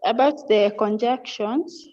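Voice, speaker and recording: A woman's voice: a little high, slow pace, warm tone. Woman student asking a question on an online class call, hesitant, sounding far from the mic, lo-fi. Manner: hesitant, searching for words. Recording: distant dull video call audio.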